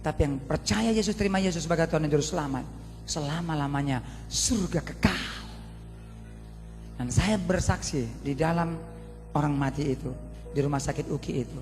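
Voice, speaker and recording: A man preaching a sermon as pastor, animated and theatrical, acting out voices and shouting at times. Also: a little high, normal speed, pauses often, in a large hall, faint music behind. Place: large church hall with congregation.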